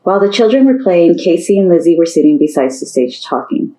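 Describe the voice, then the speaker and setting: A woman's voice: lowish voice, expressive, fairly quick, warm tone, low-quality recording. A woman narrating a story aloud, reading steadily and lifting her voice for the characters' lines.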